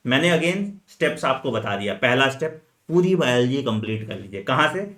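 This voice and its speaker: A man coaching medical entrance students in an energetic, chatty lesson, talking straight to them and dropping frequent fillers. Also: medium pitch, fairly quick. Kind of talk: energetic exam-strategy lesson, chatty Hinglish.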